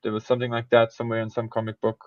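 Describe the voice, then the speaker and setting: A South African podcast host chats casually, rambling, correcting himself, circling back and laughing often. His ordinary-pitched, darkish voice is completely flat and very fast. The sound is slightly muffled, very dry, with no room sound.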